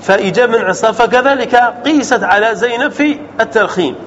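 A man teaching an Arabic grammar lesson as a sheikh, explaining rules and quizzing his students with quick questions. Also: extremely high pitch, a bit bright. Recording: dull lo-fi sound with faint noise.

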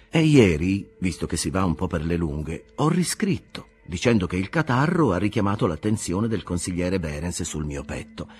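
A man's voice: deep voice, a little mellow, slightly rough, exaggerated voice. A man voicing a young, earnest German engineer explaining himself patiently in an audiobook reading. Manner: earnest, explanatory, slightly defensive.

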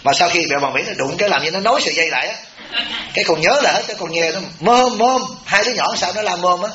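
Storytelling Southern Vietnamese monk. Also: male voice, high-pitched, very fast, crowd noise. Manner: chatty storytelling, animated when quoting others. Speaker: Buddhist monk, abbot. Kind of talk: humorous dharma talk to a retreat audience. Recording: roomy, dull, noisy temple hall recording.

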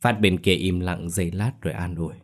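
A man narrating a dramatic audio story in a steady, even storytelling manner. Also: low-pitched, fairly quick. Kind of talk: scripted narration.

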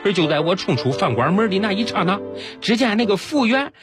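A man radio host telling comic first-person stories with dramatic pauses, over background music. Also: sits high. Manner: animated storytelling with comic pauses. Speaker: radio host reading jokes. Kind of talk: scripted comic storytelling. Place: radio studio.

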